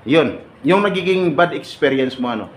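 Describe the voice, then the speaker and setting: A man leading a seminar for departing overseas workers, joking and firing quick questions at his audience. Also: a little high, lively intonation. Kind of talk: lively seminar talk to an audience. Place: large hall with an audience. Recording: echoey hall, mic far off, noisy.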